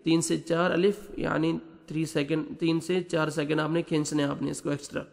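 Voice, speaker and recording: A man teaching Quran recitation. He spells out letters and vowel marks in brisk explanation, then recites verses in a slow, drawn-out chant. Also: fairly high pitch, little pitch movement, creaky, darkish tone, in a large hall.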